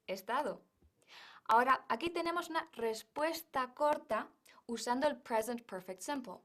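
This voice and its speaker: A woman's voice: a little high, fairly bright tone. A woman teaching an English lesson, drawing out words carefully in pronunciation drills. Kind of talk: language lesson.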